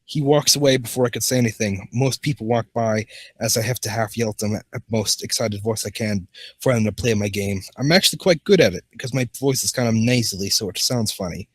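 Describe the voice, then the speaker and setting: A man's voice: fairly low pitch, fairly quick, husky, no room sound. A man hosting a comedy show, reading fan fiction aloud and often tripping over words and restarting.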